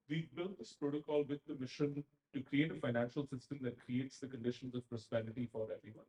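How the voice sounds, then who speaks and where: A man's voice: mid-range voice, dark tone. A man from Dubai giving a conference talk, hesitant with many fillers. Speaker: conference speaker. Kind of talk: presentation talk. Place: event venue. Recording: roomy event hall.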